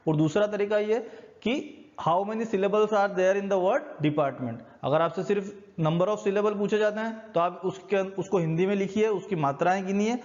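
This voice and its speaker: A male teacher with an Indian accent gives a recorded classroom lecture, patiently walking through each point step by step. His voice sits high for a man. The recording is dull and lo-fi. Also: a little mellow. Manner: patient step-by-step explaining, mixing Hindi and English. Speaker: school teacher.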